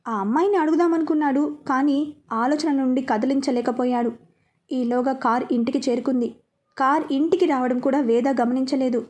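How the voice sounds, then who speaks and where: A woman narrating a romantic story in an unhurried, even storytelling voice. Her voice is high and mellow.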